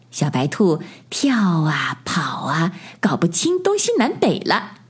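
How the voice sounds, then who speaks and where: A woman's voice: medium pitch, breathy edge. A woman narrating a bedtime story for children in a lilting storybook voice. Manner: slow, lilting storybook delivery.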